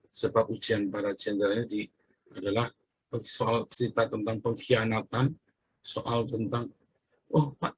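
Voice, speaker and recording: A man's voice: medium pitch, fairly bright tone, husky. A man preaching a casual, conversational sermon, chatting with his listeners and laughing often between remarks.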